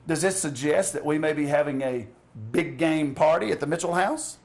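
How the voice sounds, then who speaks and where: Playful teasing man, slightly high voice. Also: moderate pace, a little mellow. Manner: playful, teasing, rambling with mock-serious asides. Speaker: coach hosting a mock cooking segment. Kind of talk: joking comedy cooking bit.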